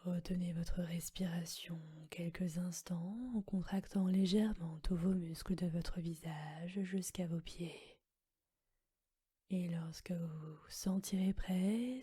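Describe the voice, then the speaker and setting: A woman whispering a guided relaxation meditation in a soft, calm voice. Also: lowish voice, takes it slowly, husky, dry recording, clean studio sound.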